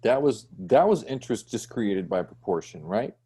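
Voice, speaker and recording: Mellow-voiced man teaching a class. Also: lowish voice, lively intonation, normal speed, breathy edge. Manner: conversational, often checks with "right?". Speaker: design teacher. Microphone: video call.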